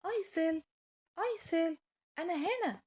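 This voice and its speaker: Woman voicing tiny magical boy, Egyptian accent, storybook, earnest, animated intonation. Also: very high voice, moderate pace, pitched above the performer's own voice. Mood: calling out. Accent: Egyptian Arabic. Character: tiny thumb-sized magical boy, earnest, pleading for help. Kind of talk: storybook character acting.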